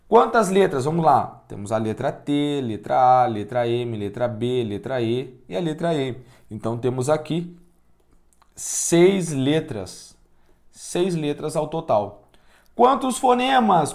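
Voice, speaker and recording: A man with a Brazilian Portuguese accent teaching a class, energetic, asking the students questions and counting out loud. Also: fairly high pitch, vocal fry. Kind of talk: online class lecture.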